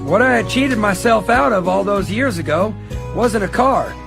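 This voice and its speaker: A man's voice: high-pitched, expressive, normal speed, gravelly, music in the background. An actor giving a reflective voice-over narration in a film, looking back on his life. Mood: wistful. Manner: reflective, wistful.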